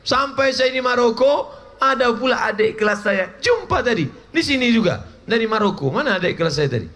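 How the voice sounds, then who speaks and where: A man's voice: extremely high pitch, expressive, a little fast, fairly bright tone. A man in his forties preaching a humorous religious lecture to a live audience, telling jokes and stories and turning to the crowd with direct questions. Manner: joking, storytelling, addresses audience directly.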